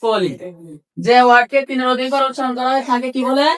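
A woman's voice: high voice, steady tone, fast, fairly bright tone, far from the mic. A woman teaching English reading to a class, spelling words out letter by letter and asking questions that she then answers herself. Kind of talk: classroom lesson.

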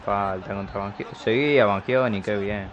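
A man's voice: lowish voice, fairly even intonation, moderate pace. A man with an Argentine accent giving casual, colloquial football commentary on a video game he is playing, cheering on his players. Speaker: YouTube gamer commentating his own match. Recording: dull lo-fi audio with loud noise.

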